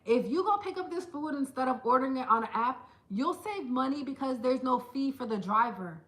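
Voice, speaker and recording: A woman vlogger chatting casually to camera, telling stories in an animated way and putting on quick voices for the people she quotes. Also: high-pitched, roomy sound, poor audio. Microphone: small handheld camera.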